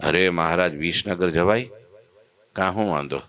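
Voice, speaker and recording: A man's voice: low voice, normal speed, fairly bright tone. A man voicing a devoted young male disciple who fusses with worried questions and pleads. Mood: alarmed.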